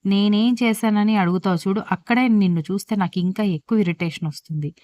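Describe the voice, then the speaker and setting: A woman's voice: mid-range voice, quick pace, a little mellow, dry recording, close to an everyday voice. Woman reading as a stern scolding husband. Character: stern angry older husband, blunt. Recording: dull dry lo-fi recording.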